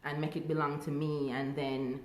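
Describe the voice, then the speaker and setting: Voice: mid-range voice, moderate pace. A Jamaican singer talking candidly and casually as an interview guest. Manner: relaxed, candid, lively. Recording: echoey room.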